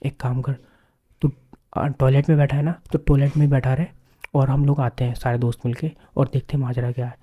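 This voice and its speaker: A man's voice: mid-range voice, little pitch movement, brisk, dull audio, close to an everyday voice. A man voicing an offhand young student. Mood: urgent. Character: relaxed young male student friend.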